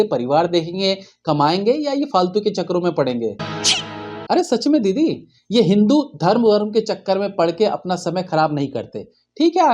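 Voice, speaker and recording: A man's voice: high-pitched, a little mellow. A man hosting satirical news, with mocking, sarcastic asides.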